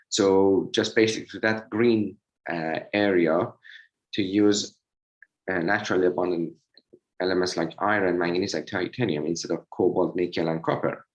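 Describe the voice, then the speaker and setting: A man with a slightly hoarse voice giving an academic presentation over a video call, hesitant with many fillers. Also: sits low, highs cut off. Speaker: associate professor giving a webinar talk.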